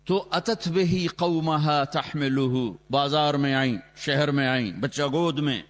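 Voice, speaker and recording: A man preaching a sermon and telling the story dramatically, his voice rising loudly, with Quranic Arabic chanted slowly. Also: a little high. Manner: dramatic storytelling with sudden loud rises and quick asides. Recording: long reverb from a large hall, on a loudspeaker.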